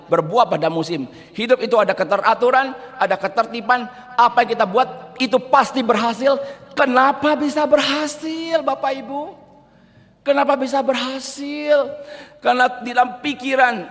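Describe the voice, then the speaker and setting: A male pastor preaching a sermon, animated, asking the congregation rhetorical questions and dropping English words into his speech. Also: very high voice, in a large hall. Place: church service.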